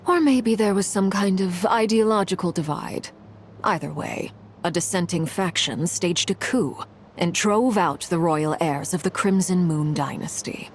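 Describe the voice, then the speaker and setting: In a video game, an actress voices a cold, composed noble commander who talks in a measured, formal manner. Her natural voice sits fairly low, and there is slight background noise.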